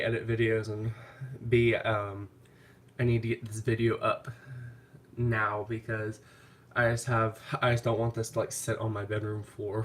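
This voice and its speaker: A candle vlogger with a mid-range, fairly bright voice talks through a haul video at home. His sinuses are clogged, so he sounds stuffy and nasal, and he rambles casually and hesitantly with lots of ums.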